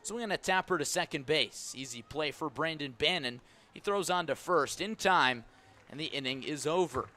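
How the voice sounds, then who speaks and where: At a moderate pace, a man with a slightly high, bright, forceful voice does live baseball commentary for American radio. You can hear ballpark ambience and other background noise typical of a live broadcast.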